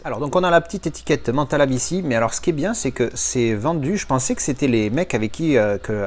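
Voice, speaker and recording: Male unboxing host at home, mid-range voice, casual and chatty with excitable outbursts. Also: mid-range voice. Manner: chatty, thinks aloud, bursts of excited exclamations. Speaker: collector reviewing an unboxing. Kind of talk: casual unboxing commentary to viewers.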